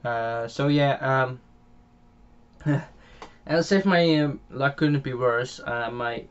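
A young Dutch-accented man from the Netherlands hosts a gaming channel and loosely talks through a farming game, piling on ums and uhs, restarting sentences, and chuckling often. His middling-pitched voice is slow and clean in tone, while the home microphone comes across slightly dull and muffled.

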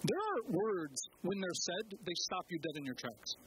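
A man giving an animated spoken-word talk at an open mic, with dramatic pauses and sudden jumps in pitch for emphasis. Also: a little hiss or hum, rough recording.

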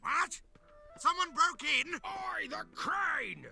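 An actor playing a cranky, loud and indignant old sea captain who is hard of hearing, in a video game. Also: sits high, sing-song, takes it slowly, vocal fry, full character voice. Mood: exasperated. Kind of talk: video game character acting. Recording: game music playing loudly behind.

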